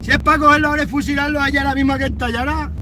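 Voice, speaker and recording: A man's voice: very high-pitched, steady tone, racing, noisy background. A man, a cattle farmer rambling on a live stream as he herds his cows, blunt and full of curses. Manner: blunt, swearing, mocking, rough rural talk. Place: outdoors on a farm with cattle.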